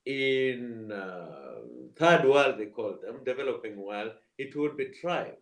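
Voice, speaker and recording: A man's voice: mid-range voice, takes it slowly, roomy sound. A man from Kenya, a theatre producer, speaking earnestly on a video call panel and repeating words as he searches for phrasing. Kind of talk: panel discussion.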